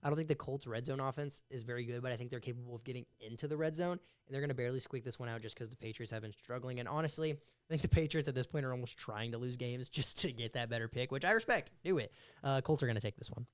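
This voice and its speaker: A man's voice: medium pitch, quick pace, few pauses, clean tone. A young man co-hosting a casual sports podcast, making confident game picks on gut feeling. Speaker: podcast co-host.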